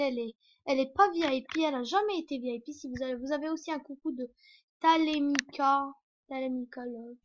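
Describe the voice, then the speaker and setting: A woman's voice: high-pitched, a bit bright. A young woman vlogging in a rambling, hesitant way, full of fillers and restarts. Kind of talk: casual rambling vlog. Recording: dull lo-fi recording.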